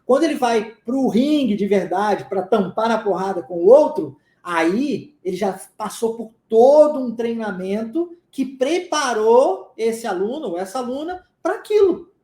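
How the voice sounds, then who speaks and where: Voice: medium pitch, animated, a little slow, few pauses, warm tone, echoey room. A Brazilian English teacher giving a live lesson, drilling phrases by repetition and often checking that students understood.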